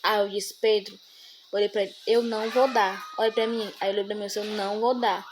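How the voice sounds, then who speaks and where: A woman's voice: mid-range voice, flat delivery, fairly quick, noisy background. A young woman, a mother chatting to viewers in a rambling, emotional way and often calling them "gente". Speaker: mother vlogging about her son. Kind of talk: casual chat to viewers.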